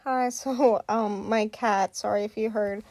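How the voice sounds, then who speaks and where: A woman's voice: mid-range voice, fairly even intonation, measured pace, a little mellow, no echo. A young woman with a slight lisp from wearing a retainer, giving a casual, chatty voice-over tour with apologetic asides. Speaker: amateur artist showing a sketchbook.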